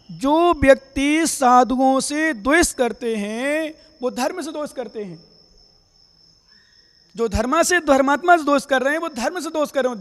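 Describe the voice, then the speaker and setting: High-voiced monk preaching in a reverberant hall. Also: male voice. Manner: questions the listeners directly and acts out everyday quarrels. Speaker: Jain monk giving a discourse. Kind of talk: sermon.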